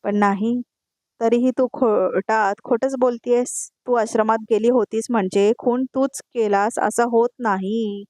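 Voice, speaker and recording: A woman's voice: on the high side, steady tone, a little slow, a little mellow, no echo, natural voice. A stern, experienced female defense lawyer tells someone off with open reproach, voiced by a woman narrating an episode recap. The sound is close and dry, with no room around it. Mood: scolding. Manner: scolding, reproachful.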